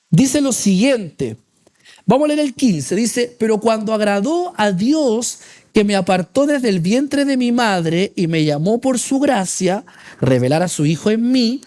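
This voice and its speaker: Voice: medium pitch, a little mellow. Study teacher. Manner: explanatory, reads verses aloud, asks rhetorical questions, tags with "¿cierto?". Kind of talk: Bible class lecture.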